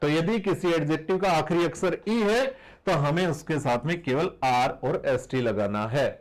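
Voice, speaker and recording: A man's voice: on the high side, normal speed, poor audio. A man teaching a grammar lesson to beginners, patiently repeating each rule and asking the class rhetorical questions.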